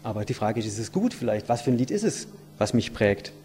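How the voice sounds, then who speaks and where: A man's voice: fairly low pitch, very animated, fairly quick, dark tone, a little hiss or hum. A man giving an earnest, reflective sermon, asking his listeners many rhetorical questions. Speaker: lay preacher. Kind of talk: sermon with a read-aloud story.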